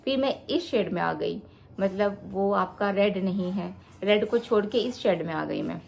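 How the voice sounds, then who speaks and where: A woman's voice: mid-range voice, unhurried, gravelly, darkish tone. A woman vlogger casually showing her beauty products and talking straight to her viewers. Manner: chatty, addresses viewers directly. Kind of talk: casual product show-and-tell vlog.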